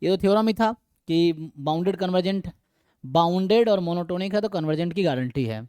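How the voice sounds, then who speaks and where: Man, Indian accent, math teacher, live online lecture, high voice, smooth clear tone, dry close sound. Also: fairly quick, mellow, dry recording. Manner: explains step by step, asks students questions.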